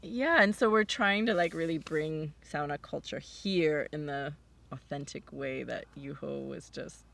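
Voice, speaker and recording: Outdoors on her forest farm, a woman gives a relaxed interview in a deep, slightly bright voice with vocal fry and a measured pace. Fillers crowd her speech, and now and then she lowers to a whisper. Recorded on a distant mic, the clip carries outdoor noise and vehicles going by.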